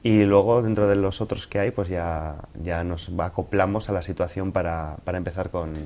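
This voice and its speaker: A man's voice: sits low, steady tone, normal speed, darkish tone. A man from giving relationship advice in an interview, explaining things didactically through examples.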